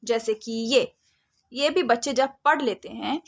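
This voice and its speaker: A woman giving a phonics lesson to parents, drawing out and sounding out letters slowly. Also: on the high side. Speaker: phonics teacher.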